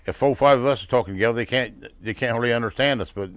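A man's voice: medium pitch, rapid-fire, fairly bright tone, no room sound. An older man with an Ocracoke brogue, chatting casually outdoors. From Ocracoke Island, North Carolina. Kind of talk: casual chat.

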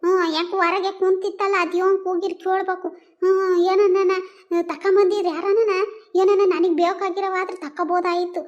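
A very high-pitched woman plays a village daughter-in-law in a comedy sketch. She talks in an exclaiming, grumbling way. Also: little pitch movement, moderate pace, dull audio. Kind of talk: rural comedy sketch dialogue.

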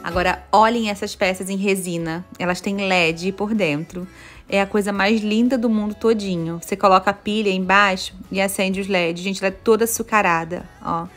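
A woman's voice: mid-range voice, steady tone, moderate pace, soft background music. Brazilian-accented woman, home decor vlogger, enthusiastic and gushing, casual chat. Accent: Brazilian Portuguese. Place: home kitchen, indoors.

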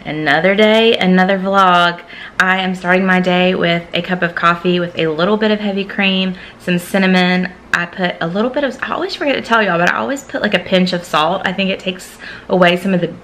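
A woman's voice: fairly low pitch, brisk, fairly bright tone. A middle-aged woman, chatting casually and folksily to camera as a vlogger. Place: car interior and home rooms. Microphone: camera at arm's length. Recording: noisy car and air-conditioning hum.

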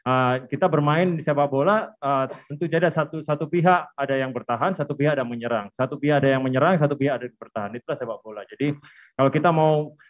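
A man coaching a football team speaks at a press conference table microphone, talking quickly in short bursts. He stops often on filler sounds and repeats his own phrases. The sound is thin and phone-like. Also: mid-range voice. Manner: halting, many filler "eh" pauses and repeated phrases. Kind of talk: post-match press conference answers.

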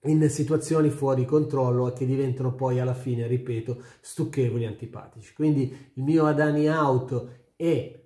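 Middle aged guy doing an opinion vlog, soft dark tone, echoey room, emphatic with repeats. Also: mid-range voice, fairly even intonation, normal speed. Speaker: YouTube sports commentator. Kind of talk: casual opinion vlog to camera. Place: small furnished room at home, indoors. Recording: roomy indoor echo.

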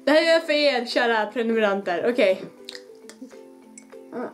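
A woman's voice: a little high, lively intonation, faint music behind. Giggly young Swedish woman vlogging. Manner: giggly, nervous, swears freely. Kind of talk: casual challenge vlog. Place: home, then outdoors by her car.

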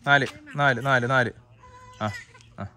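A family vlogger hosts a casual, chatty vlog at home and in the family car, often breaking off to call to his kids. His mid-range voice is bright and forceful, with a steady tone and slow pace, and there's a slight hiss or hum in the recording.

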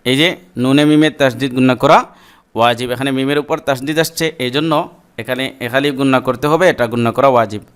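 A man teaching Quran reading with a Bangladeshi Bengali accent, spelling words out syllable by syllable and chanting verses in long drawn-out phrases. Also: mid-range voice, steady tone, clear, resonant tone. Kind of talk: slow spelling-out lesson with chanted recitation.

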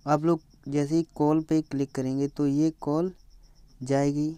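A young man with an Indian accent hosts a tutorial, walking step by step through a phone app. His mellow, smooth voice is a little high and flat, with little rise and fall, and he speaks a little slowly. The recording is dry and slightly muffled.

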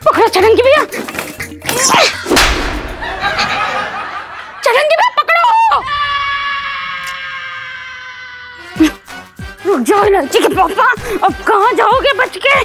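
A bossy, shrieking wife. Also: female voice, very high voice, big pitch swings, moderate pace, music in the background. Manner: bossy, giving orders, shrieking. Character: bossy, excitable wife and mother. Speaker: sitcom wife and mother character. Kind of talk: TV sitcom acting.

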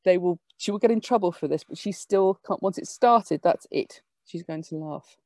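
A woman giving an academic lecture, explaining lively with quick asides. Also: lowish voice, no room sound.

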